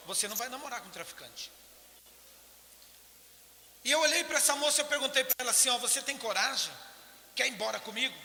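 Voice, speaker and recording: A man's voice: very high-pitched, pushed and bright, a little hiss or hum. Emotional Brazilian man telling testimony. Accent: Brazilian Portuguese. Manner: emotional storytelling, acting out quoted voices. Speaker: church testimony speaker. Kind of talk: personal testimony in church. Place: church hall. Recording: echoey church hall, live stream.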